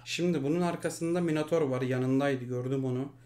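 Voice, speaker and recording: A man commentating his mobile game live, muttering and then shouting and swearing at his teammates. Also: mid-range voice, fairly quick.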